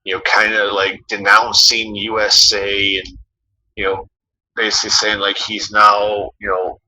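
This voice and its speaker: A man's voice: lowish voice, completely flat delivery, a little slow, pushed and bright, slight background noise, poor audio. A man co-hosting a casual podcast, rambling through a story with many fillers and some swearing. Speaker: podcast co-host.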